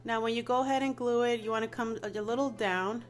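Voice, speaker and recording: A woman's voice: a little high, fairly even intonation, a little fast, slight background noise. A woman whose voice is nasal from allergies, chatting through a step-by-step craft tutorial as host and often calling her viewers "you guys.". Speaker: DIY channel host.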